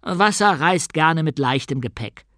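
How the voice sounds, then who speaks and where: A man's voice: a little high, animated, a little slow, fairly bright tone, no room sound, studio quality. A man voicing a practical young male tinkerer who explains things patiently in an audiobook.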